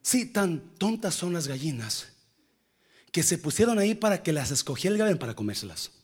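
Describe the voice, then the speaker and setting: Guy preaching a storytelling sermon, husky, swings quiet to loud, voice jumps all over. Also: fairly high pitch, a little fast. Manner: mixes English phrases into Spanish; animated, swings from quiet asides to loud exclamations.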